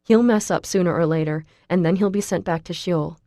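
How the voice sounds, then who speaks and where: A woman voicing a seventeen-year-old girl who begs in high cries and soothes softly. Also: brisk, dry recording, clean studio sound, natural voice. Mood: soothing. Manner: high pleading cries, then soft soothing.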